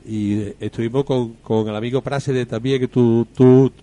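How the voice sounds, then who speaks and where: Mellow-voiced male co-host. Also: mid-range voice, fairly even intonation, moderate pace, no room sound. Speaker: radio co-host. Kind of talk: casual chat.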